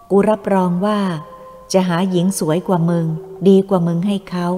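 A woman's voice: fairly low pitch, lightly acted. A woman voicing a cruel male traitor who threatens and bullies in a coarse, heavy way. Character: cruel male traitor, Thai collaborator, menacing. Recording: reverberant room with soft music.

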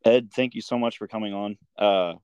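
With a lowish, steady, darkish voice at a moderate pace, a Midwestern American podcast host chats informally, sprinkling in "like" and "you know." The sound is clean and dry.

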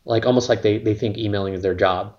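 A man's voice: lowish voice, fairly even intonation, fast, darkish tone, dull audio. A man, a company co-founder, talking casually in an interview, rambling with lots of fillers and some casual swearing.

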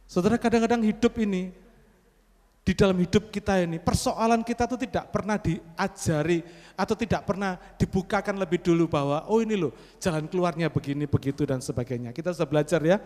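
Brief: male preacher, higher-pitched voice, dramatic storyteller, long hall reverb. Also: a little fast. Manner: dramatic storytelling with sudden loud exclamations; repeatedly addresses the congregation. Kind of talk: sermon.

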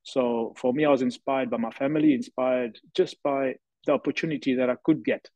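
A man's voice: medium pitch, fairly even intonation, fairly quick, darkish tone, no room sound. A man, telling his story earnestly and reflectively as a podcast guest. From South Africa. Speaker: guest, professional rugby player. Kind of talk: podcast interview. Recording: dry, slightly dull lo-fi audio.

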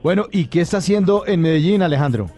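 A man's voice: high-pitched, quick pace, warm tone, faint music behind. A man co-hosting a radio call-in show, playful and teasing. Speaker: radio host. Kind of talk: casual radio chat.

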